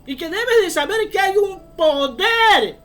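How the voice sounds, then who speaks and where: A woman's voice: very high voice, expressive, slow pace, fairly bright tone, soft background music. A woman preaching a fervent sermon, often calling her listeners brother.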